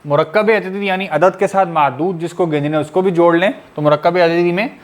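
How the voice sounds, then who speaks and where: A man's voice: high-pitched, fairly even intonation, fairly quick. Methodical male teacher quizzing his online class. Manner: quizzes the class with repeated rhetorical questions; patient, methodical explaining.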